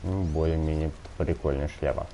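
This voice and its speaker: Male streamer, deep mellow voice, dry sarcastic commentary. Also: steady tone, fairly quick, a little hiss or hum, rough recording. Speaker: gameplay streamer. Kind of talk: casual game commentary.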